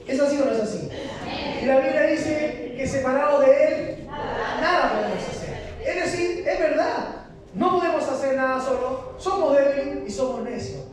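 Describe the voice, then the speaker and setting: In a church hall, a male pastor delivers a fervent sermon full of rhetorical questions for his congregation, with a crowd audible behind him. His pitch is extremely high and his pace moderate. The sound is distant, echoey, and noisy.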